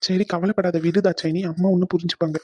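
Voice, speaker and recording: A woman's voice: lowish voice, level tone, quick pace, darkish tone, slightly rough, no echo. A woman voicing a patient young husband-to-be in a cartoon, coaxing and placating. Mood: soothing. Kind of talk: cartoon voice acting.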